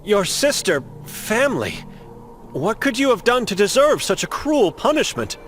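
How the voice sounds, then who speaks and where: A man's voice: high voice, sing-song, moderate pace, a bit bright, soft background music. A man voicing a young monk in a game who is searching for his sister, polite and earnest as he presses with questions. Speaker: game protagonist.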